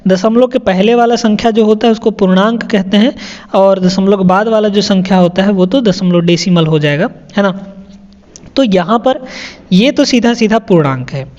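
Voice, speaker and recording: A man's voice: sits high, normal speed, darkish tone. A man teaching a math lesson to children, explaining step by step and often checking "right?". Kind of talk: classroom lesson explaining sums. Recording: dull lo-fi audio with long reverb.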